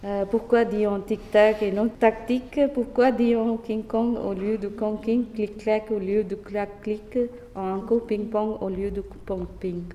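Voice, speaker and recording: Woman, recitation, playful questions, flat intonation, mellow, hall reverb. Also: mid-range voice, unhurried, few pauses, slight background noise. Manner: poses a string of playful questions. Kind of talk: rhythmic poem recitation.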